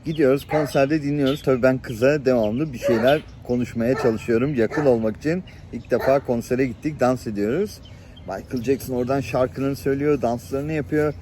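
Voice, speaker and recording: A middle-aged man telling personal stories to the camera in a lively, chatty way, chuckling now and then and acting out the people in them. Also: medium pitch, brisk, background noise. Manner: lively anecdotal storytelling, chuckles and acts out voices. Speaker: channel host. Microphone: camera-facing, showing viewers things on screen.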